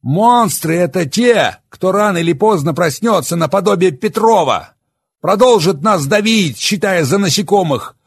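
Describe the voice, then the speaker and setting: A man voicing a furious, bitter young man who shouts and sneers. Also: high voice, expressive, moderate pace, slightly rough, dry recording, pitched above the performer's own voice. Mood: drunk sarcastic. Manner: shouting, raging, bitter sarcasm.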